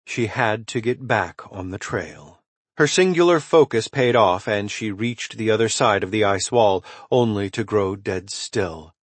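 An audiobook narrator reads a suspense thriller in a dramatic, measured storytelling manner, with emphatic swells and hushed drops. His voice is on the low side, recorded with no echo.

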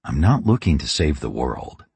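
A hard fixer, read by a deep-voiced man who speaks cold, flat and terse. The voice is extremely low, gravelly and husky. It is recorded dry and close. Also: normal speed, no room sound, full character voice.

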